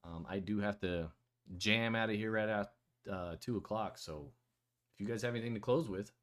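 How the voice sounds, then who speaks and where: Guy hosting a voice chat, lowish voice, rambly, lots of ums and restarts. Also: moderate pace. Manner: rambling, loose, with many fillers and restarts. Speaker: host of a community AMA. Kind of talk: casual online voice chat.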